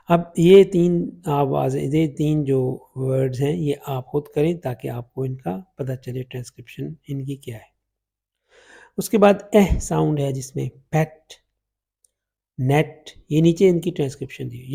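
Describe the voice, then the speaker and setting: A man teaching English phonetic transcription in Urdu-Hindi, slowly sounding out English vowel examples one by one. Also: fairly high pitch, vocal fry, mellow, breathy edge. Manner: slow, drawn-out demonstration of vowel sounds.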